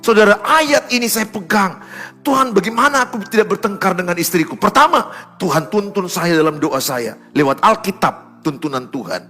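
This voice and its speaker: A middle-aged male pastor preaching a sermon, swinging between loud urgent exhortation and soft, confiding asides. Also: sits high, animated, moderate pace, faint music behind.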